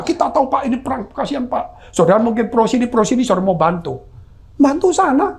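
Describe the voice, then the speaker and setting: Indonesian pastor preaching with rising exclamations. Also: male voice, creaky. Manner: lively preaching with sudden high exclamations and jokes. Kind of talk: sermon and closing prayer. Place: church.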